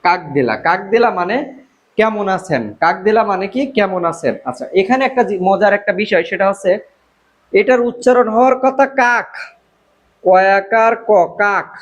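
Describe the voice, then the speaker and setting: Man, high voice, casual video teacher who repeats each phrase patiently for learners. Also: highs cut off. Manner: repeats words slowly for learners, many fillers. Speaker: language teacher. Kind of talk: casual spoken lesson.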